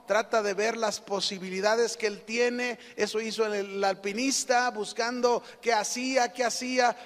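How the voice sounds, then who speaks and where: A Mexican pastor preaches in a notably high voice, spinning a story with lively animation. He keeps pulling the congregation in with questions, and his words carry a long reverb through the church hall. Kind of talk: sermon.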